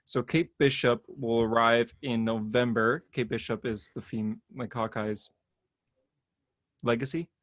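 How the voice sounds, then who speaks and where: A man's voice: medium pitch, steady tone, unhurried, fairly bright tone, no echo, studio quality. A man co-hosting a podcast, chatting casually about comic-book news, rambling a bit and laughing often. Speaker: podcast co-host.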